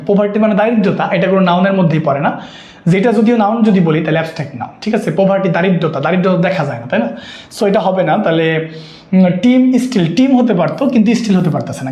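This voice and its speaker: A fast-talking man leads an exam-prep lesson, repeating each point and firing questions at his students. His voice sits high, and the room adds a noticeable echo. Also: animated, a little mellow. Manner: repetitive, questioning students constantly. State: sweaty and worn out. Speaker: teacher. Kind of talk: live online exam-prep class.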